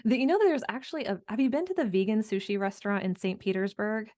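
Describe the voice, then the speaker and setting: A woman's voice: mid-range voice, quick pace, darkish tone. A woman hosting a podcast interview, affirming her guests eagerly and asking questions. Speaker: podcast host. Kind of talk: casual interview.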